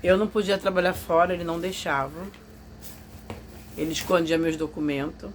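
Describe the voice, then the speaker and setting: This vlogger's voice is lowish and steady at a normal speed as she tells a personal story. She confides in her viewers with emotion and acts out other people's words, over a slight hiss or hum.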